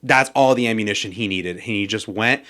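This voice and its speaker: Young man, podcast guest, casual storytelling, swears freely, animated. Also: lowish voice, a little fast. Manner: animated, swears a lot, acts out quoted yelling.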